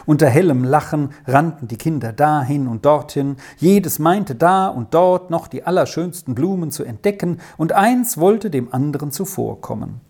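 A woman narrating a children's story in a measured, expressive way. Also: sits low. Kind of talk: reading a children's story aloud.

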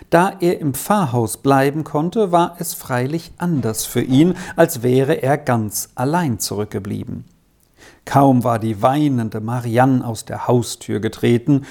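A narrator reading a classic children's story aloud in a calm, even storytelling manner. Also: mid-range voice.

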